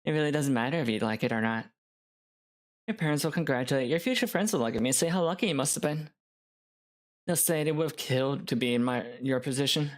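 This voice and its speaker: A man's voice: medium pitch, quick pace, close to an everyday voice. A man voicing a possessive, menacing young woman who speaks with cold, controlling certainty in a game.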